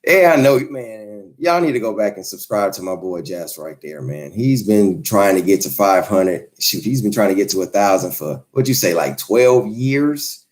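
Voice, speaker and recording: A man's voice: lowish voice, animated, normal speed, hardly any pauses. A man in his forties casually chatting with viewers on a livestream, easygoing and rambling, answering comments as they come in. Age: 40s. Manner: easygoing, rambling, laid-back. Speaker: YouTube creator hosting a livestream. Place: home, Los Angeles.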